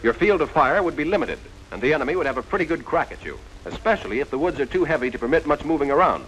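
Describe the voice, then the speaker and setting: A little hiss or hum and poor audio surround this American man's fairly high, bright, very animated voice as he speaks fast. He narrates a 1940s army instructional film in a scripted style on a vintage soundtrack, directly instructing the trainee as "you."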